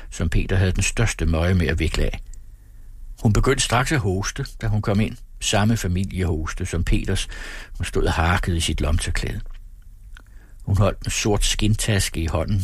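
A man narrating an audiobook in a measured, even storytelling manner. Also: sits low, breathy edge, no echo, clean studio sound. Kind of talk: audiobook reading.

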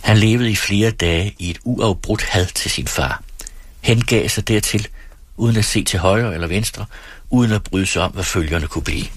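A man narrating a novel as an audiobook in a calm, measured reading voice. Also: on the low side, slightly rough, no room sound.

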